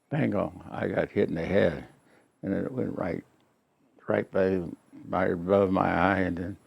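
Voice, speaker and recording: An elderly American man, a war veteran, remembering his service aloud in halting, plainspoken, unscripted recollection. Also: sits low, gravelly, dry recording, highs cut off. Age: elderly, late 80s or older.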